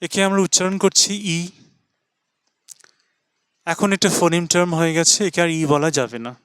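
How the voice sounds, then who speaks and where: A man teaching English pronunciation, mixing explanation with English words, spelling words letter by letter and repeating them slowly. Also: on the high side, fairly even intonation, a bit bright, clean tone, no echo, clean studio sound. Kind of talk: slow spoken lesson.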